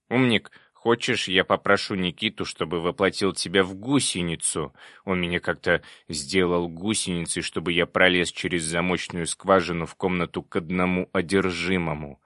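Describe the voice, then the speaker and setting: A man voicing a cheerful, chatty little male demon who talks briskly. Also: deep voice, fairly even intonation, pushed and bright, no room sound, clean studio sound. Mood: teasing.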